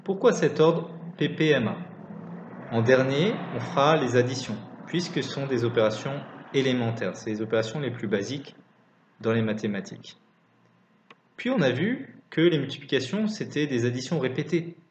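A man's voice: mid-range voice, lively intonation, normal speed, slight background noise. A man teaching maths in a scripted lesson narration, dictating calculations piece by piece. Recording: roomy, slightly dull recording.

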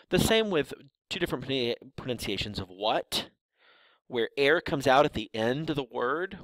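A man's voice: mid-range voice, fairly bright tone, no room sound, rough recording. A man from the American South giving a linguistics lecture, explaining patiently and drawing out example words.

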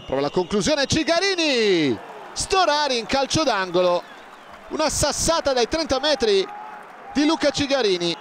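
A man commentating on football in breathless, excited goal-call style, shouting and stretching out his words. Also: very high voice, moderate pace. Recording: crowd roar and stadium noise behind. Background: loud stadium crowd.

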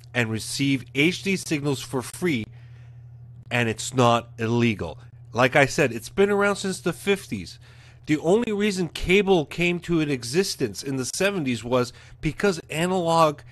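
A man's voice: a little high, dry recording. A man in his forties ranting bluntly to camera as a show host, speaking into a studio mic in his living room. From Canada. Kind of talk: casual rant to camera. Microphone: studio mic in front of webcam.

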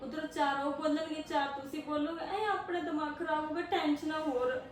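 A woman's voice: high voice, fairly even intonation, fairly quick. A woman acting in a family drama, speaking in a grieving, resigned way. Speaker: actor in a family web drama. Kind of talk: scripted family drama dialogue. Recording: echoey room, far from mic, background noise.

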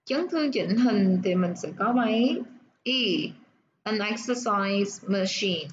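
A woman teaching nursing English, explaining step by step and repeating words slowly to show where the stress falls. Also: mid-range voice, lo-fi sound, a little hiss or hum.

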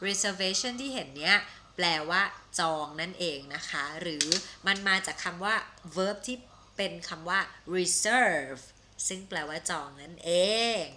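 A Thai woman with a bright, clear voice runs a live-streamed English lesson. She speaks with a Thai accent and sounds out each English phrase slowly and deliberately, as if for learners to repeat. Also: mid-range voice. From Thailand. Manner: slow, carefully modelled English phrases between quick Thai explanations. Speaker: English teacher.

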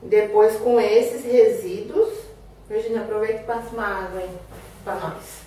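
A woman hosting a cooking demonstration, chatting with viewers and giving her helper quick asides. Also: medium pitch, fairly even intonation, warm tone. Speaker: cooking show host. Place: kitchen. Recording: echoey room, mic far off.

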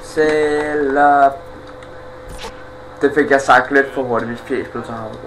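A man's voice: medium pitch, fairly even intonation, slight background noise, rough recording. A man commentating a horror game, swearing, taunting and joking at the enemies. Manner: loud, crude, taunts enemies. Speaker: gaming YouTuber. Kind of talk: let's play commentary.

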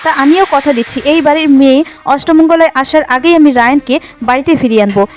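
A woman's voice: high-pitched, fast, lightly acted. A woman reading as an indignant young woman. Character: angry young woman defending herself.

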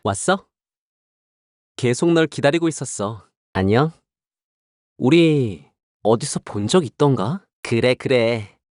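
A suave, flattering young game racer. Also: male voice, medium pitch, slow pace, pauses often, no echo, clean studio sound. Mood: greeting.

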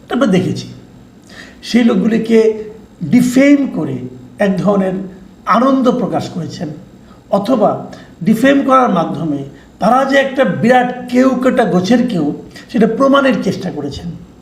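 A man delivering measured political news commentary, explaining events and reading out quotes. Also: sits high, sing-song, roomy sound.

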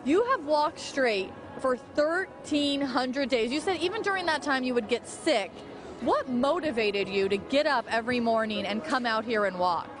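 A woman's voice: high-pitched, expressive, moderate pace, music in the background. A young woman field reporter interviewing people live on morning news, chatty and upbeat, with a handheld mic in a shopping mall. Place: large indoor shopping mall.

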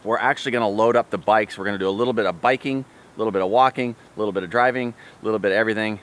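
With a lowish voice that races along, a middle-aged RV travel vlogger keeps up upbeat, chatty narration straight to camera as he explores a town walking and driving. A handheld camera at arm's length catches him outdoors and inside the car, with noisy ambience throughout.

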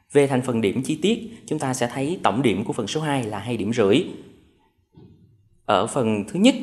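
Male teacher, exam-prep TV lesson, methodical, steady mid-range voice. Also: mid-range voice. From Vietnam. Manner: methodical, reads out answer options one by one. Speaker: English teacher.

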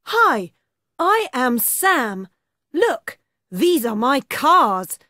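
A woman voicing cheerful young schoolchildren in children's coursebook audio, speaking simply and slowly, as if reading to a toddler. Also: high voice, sing-song, sharp tone, dry recording, clean studio sound, full character voice. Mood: cheerful, eager. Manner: slow, simple, clearly spaced delivery, as if reading to a toddler. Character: cheerful young schoolchildren showing off their toys.

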